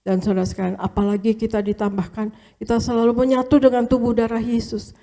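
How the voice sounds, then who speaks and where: A woman's voice: fairly high pitch, little pitch movement, quick pace, mellow. A woman, a pastor's wife, telling a conversational church testimony and often addressing her listeners directly. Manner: storytelling, often addressing listeners as brothers and sisters; casual colloquial speech with fillers and repetitions.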